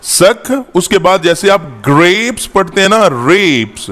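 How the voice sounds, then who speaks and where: A man teaching an English-to-Urdu lesson, slowly repeating each word and its meaning. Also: sits high, sing-song, fairly bright tone, long reverb tail, faint music behind. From Pakistan. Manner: spells out words slowly, repeating each one.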